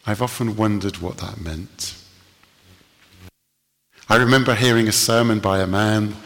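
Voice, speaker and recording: Slow, deep-voiced male preacher in a hall. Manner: earnest storytelling with slow emphatic pauses. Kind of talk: sermon.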